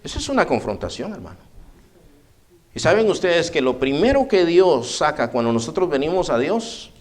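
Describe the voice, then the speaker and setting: Lively Guatemalan preacher man. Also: a little high, normal speed. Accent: Guatemalan Spanish. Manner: lively storytelling with acted quotes, addresses "hermanos". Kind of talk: sermon.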